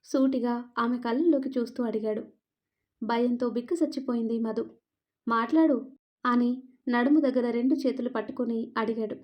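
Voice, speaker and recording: A woman's voice: fairly high pitch, steady tone, a little fast. Woman narrating a romance story. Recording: dull lo-fi narration recording.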